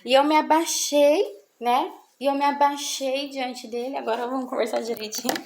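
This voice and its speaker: A woman's voice: high-pitched, fairly even intonation, normal speed, darkish tone, echoey room, slight background noise, poor audio. A mother talking earnestly to an audience about raising children, repeating her phrases for emphasis. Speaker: mother speaking on parenting. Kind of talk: testimonial talk to an audience.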